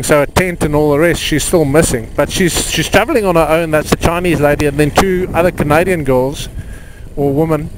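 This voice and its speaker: A man with a South African accent giving halting, filler-laden commentary while riding a motorbike along a coastal highway. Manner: halting, many fillers and restarts. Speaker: touring cyclist vlogger. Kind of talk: casual travel commentary. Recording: road and engine noise.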